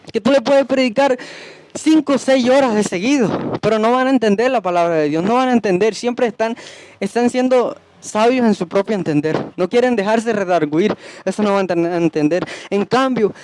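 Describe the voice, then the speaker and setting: A man's voice: very high-pitched, darkish tone, no echo. A young man preaching a stern sermon, hammering his points with repeated commands.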